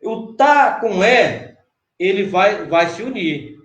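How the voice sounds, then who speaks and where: Speaking slowly in a high-pitched, animated, slightly bright voice, a Brazilian man who is a cordel poet leads an online workshop step by step. He is patient and checks in with his guest often; the video-call recording has a roomy echo.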